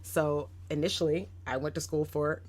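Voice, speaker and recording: Low-voiced woman telling a story. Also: moderate pace, a little hiss or hum. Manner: reflective, animated when quoting others. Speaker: guest educator. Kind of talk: casual podcast storytelling.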